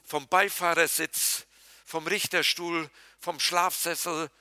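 A man preaching a sermon to his congregation, addressing them informally and dropping to a hushed voice for quoted scripture. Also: fairly high pitch, level tone, slow, smooth, dry recording, studio quality. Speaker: pastor.

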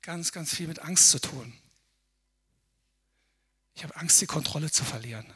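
Male preacher, bright and slightly high voice, conversational sermon that voices people's doubts. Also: unhurried, breathy edge. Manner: conversational, frequent tag "ne?", acts out inner voices. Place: church service.

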